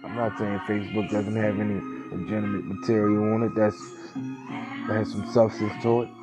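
A man's voice: on the low side, level tone, brisk. A man giving an earnest motivational monologue in casual speech with slang and cursing, urging listeners to grow and stay focused. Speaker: host of a motivational talk. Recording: dull lo-fi recording with faint music.

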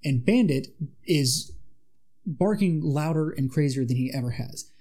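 A man's voice: a little high, lively intonation, unhurried, mellow. A man co-hosting a podcast, casually retelling a monster legend with dramatic asides. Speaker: podcast co-host. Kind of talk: casual storytelling chat.

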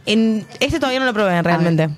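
A woman's voice: mid-range voice, lively intonation, fairly quick, music in the background. A young adult woman with a Rioplatense Spanish accent, co-hosting a casual radio chat, frank and laughing as she tells stories. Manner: frank, laughing, chatty storyteller. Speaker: radio show co-host.

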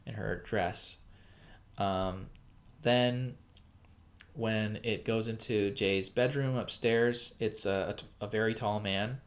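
A man's voice: on the low side, steady tone, slow. A man co-hosting a casual podcast about a film, rambling with many fillers and restarts. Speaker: podcast co-host.

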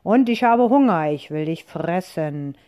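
A woman's voice: fairly low pitch, lively intonation, measured pace, mellow. A woman doing a greedy, boastful dragon. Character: greedy, boastful male dragon, cowardly at heart. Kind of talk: reading a rhyming picture book aloud.

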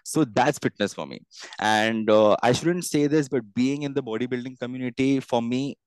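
A man's voice: medium pitch, normal speed, clear, resonant tone, dry recording. A man with an Indian accent giving earnest, emphatic conversational answers as an interview guest, often repeating phrases for stress. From India, grew up in Bangalore and Bombay. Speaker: fitness entrepreneur and coach, interview guest.

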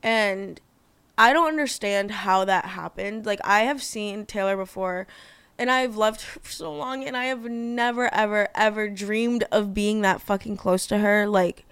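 A woman's voice: medium pitch, a little slow, fairly bright tone, smooth, no echo. A young woman hosting her own podcast in casual chat, bubbly and gushing, swearing freely. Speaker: podcast host.

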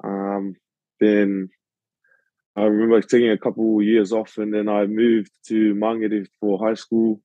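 A man's voice: fairly low pitch, completely flat delivery, measured pace, no room sound, muffled recording. A young man in his twenties with a New Zealand accent, a rugby league player guest who answers modestly and hesitantly with many fillers. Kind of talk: casual podcast interview.

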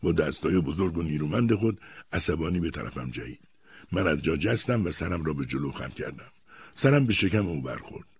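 A man narrating an audiobook in an expressive storytelling manner. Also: sits low, breathy edge, no echo. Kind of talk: scripted narration.

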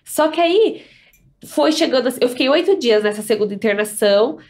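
A young woman speaking as a guest on a casual podcast, her voice sitting a little high. She talks emphatically and keeps repeating key phrases to drive them home. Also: lively intonation, a little fast, darkish tone.

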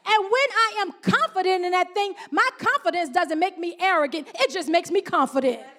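A middle-aged woman pastor, preaching a sermon with call-and-response and slow, drawn-out emphasis. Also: extremely high pitch, bright, forceful tone.

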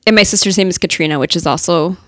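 A woman's voice: fairly low pitch, quick pace, dry recording, studio quality. A woman from the United States in a casual podcast chat, telling a personal anecdote in a chatty way.

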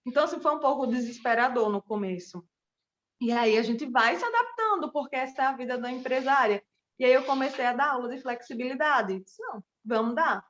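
Woman, fairly high voice, pole dance teacher and business owner, heartfelt personal testimony, muffled lo-fi audio. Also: lively intonation, fairly quick, a bit bright. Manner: earnest, heartfelt storytelling that speaks to the audience.

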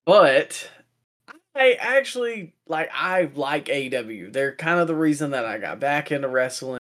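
A young man co-hosting a wrestling podcast in casual chat, relaxed and chatty, laughing now and then. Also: a little high, unhurried. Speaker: podcast co-host.

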